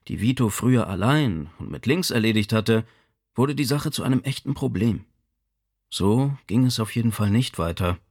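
Brief: male audiobook narrator, expressive and measured, gravelly edge. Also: medium pitch. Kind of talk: scripted narration.

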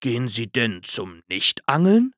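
A man doing a calm, laconic bear. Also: mid-range voice, no echo, clean studio sound, heavily acted. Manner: unhurried, laconic. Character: calm easygoing male bear who likes solitude. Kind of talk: children's storybook reading.

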